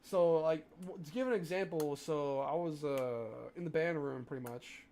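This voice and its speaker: A man's voice: fairly high pitch, normal speed, dark tone, slight background noise. A young man streaming while he draws, rambling casually and swearing, often mocking himself. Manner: rambling, profane, self-deprecating.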